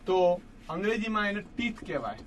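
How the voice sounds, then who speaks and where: A man's voice: high-pitched, sing-song, brisk, a little hiss or hum. A man teaching a grammar lesson, patiently repeating each word for his students and calling them friends. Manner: addresses listeners as friends. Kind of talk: classroom lesson explaining English grammar.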